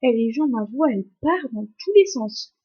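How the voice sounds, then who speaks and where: A young gaming video creator plays a game at home and chats casually to viewers, often stammering and repeating words, her throat sore and coughing. Her voice is on the high side and husky, with lively intonation and a moderate pace, in a muffled recording.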